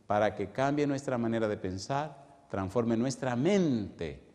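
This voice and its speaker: A male pastor giving an animated sermon in a church, often throwing questions at the congregation. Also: medium pitch, measured pace. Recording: long reverb in a large hall.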